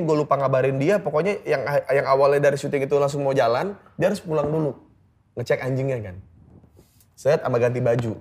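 A man's voice: medium pitch, a little mellow, slight background noise. A man in a casual chat, teasing and telling a story about a friend.

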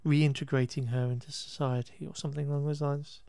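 A man's voice: fairly high pitch, little pitch movement, fairly quick, gravelly, darkish tone, clear, resonant tone, no echo. A man hosting a podcast, recapping a film in a casual, rambling way, wry and exasperated, with restarts and the odd swear word. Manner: occasional swearing. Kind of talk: casual chat.

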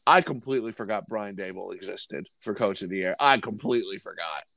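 A man's voice: on the low side, animated, brisk, gravelly, pushed and bright, dry recording. A man co-hosting a sports podcast in casual chat, often restarting his sentences. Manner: repetitive, stumbling restarts. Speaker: podcast co-host.

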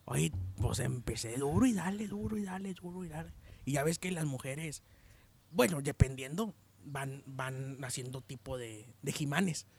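A man telling jokes in casual chat, animated and shouting the punchlines. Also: a little high, normal speed, gravelly, slight background noise. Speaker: joke teller.

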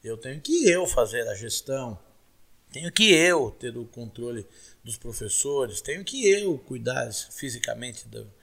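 This mid-range voice belongs to a political candidate in his forties, a man from Guarulhos in São Paulo, Brazil, with the local São Paulo accent. Slightly slow, creaky and fairly bright, his pitch swings widely as he answers interview questions in an emphatic, repetitive, oratorical style.

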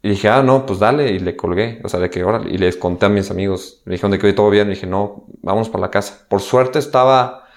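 A man's voice: on the low side, fairly even intonation, fast talker, few pauses. A young man with a Mexican accent telling a personal story in a candid, slangy way, acting out the dialogue he quotes. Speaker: guest.

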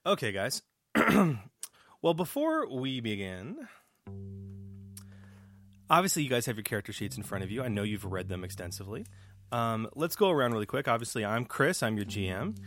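A man acting as game master, reading out a mission briefing with emphatic jumps in pitch at the start of phrases, then introducing the players. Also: big pitch swings, normal speed, long pauses, fairly bright tone, faint music behind. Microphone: voice call setup.

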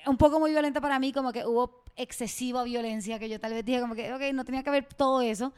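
Fast-talking enthusiastic young woman. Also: a little high, steady tone, a little mellow, smooth. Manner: enthusiastic, slangy, swears casually. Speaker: podcast co-host. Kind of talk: casual chat.

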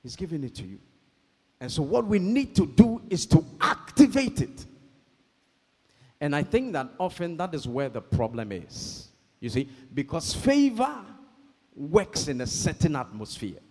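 A man preaching a sermon, slow and emphatic, calling for amens and rising to shouts. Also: a little high, very animated, husky. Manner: call-and-response, calls for amens. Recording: long hall reverb.

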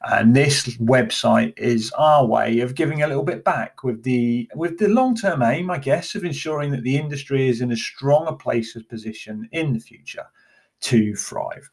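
A man's voice: mid-range voice, normal speed, creaky, breathy edge. A middle-aged man talking to his audience in a casual, conversational monologue with frequent ums, uhs and restarts, then reading an article aloud. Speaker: blogger and podcaster in the golf turf industry.

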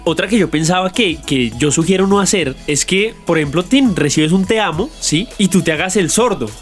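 A man's voice: sits high, lively intonation, a little fast, soft background music. A man with a Colombian accent hosting a podcast, chatting casually with crude jokes and frequent laughter. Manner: crude, joking, laughs often. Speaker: podcast host. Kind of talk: casual comedic chat.

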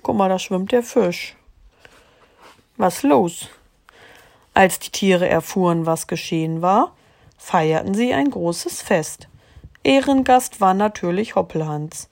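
A woman reading a children's storybook aloud to a child, calm and gently expressive. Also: medium pitch, slow pace, gravelly.

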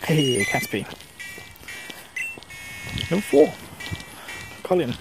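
Chatting away to himself while playing, the same kind of Essex gaming-series host gives loose, rambling commentary in a mild Essex English accent. Here his voice sits on the high side, swooping wildly in pitch, slow and creaky, over background music on a low-quality recording.

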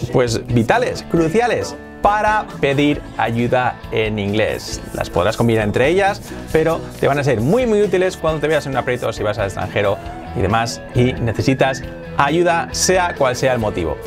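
A man teaching English phrases in a video lesson for Spanish speakers, repeating each one slowly to model the pronunciation. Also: a little high.

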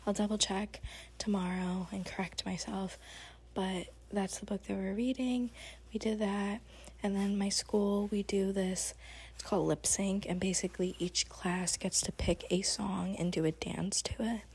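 A young woman with a husky, breathy voice casually rambling through a personal audio diary, correcting herself as she goes. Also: mid-range voice, a little mellow. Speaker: teacher recording an audio diary.

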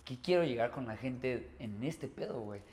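Mexican male podcast host, slangy and profane, medium pitch, reverberant recording. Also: animated, normal speed, darkish tone, a little hiss or hum. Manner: slangy, swears, laughs easily. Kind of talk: casual podcast chat. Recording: hall reverb.

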